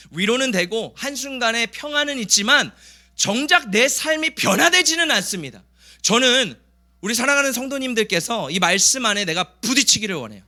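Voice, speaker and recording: A man's voice: extremely high pitch, sharp tone. A male pastor preaching a sermon, emphatic and questioning, acting out the grumbling Israelites in a raised voice. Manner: emphatic, asks the congregation questions; acts out the grumbling people in a raised voice.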